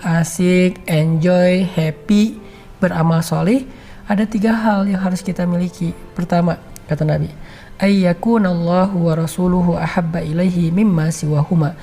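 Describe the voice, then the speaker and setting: A man's voice: high-pitched, warm tone. A male Islamic preacher giving a casual, conversational religious talk, mixing slang with quoted Arabic verses. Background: faint background music.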